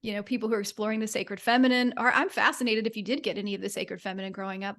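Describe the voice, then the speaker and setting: A woman's voice: medium pitch, a bit bright. A woman hosting a podcast, chatting casually and eagerly, gushing over her guest with plenty of fillers. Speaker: podcast host. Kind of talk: enthusiastic interview chat.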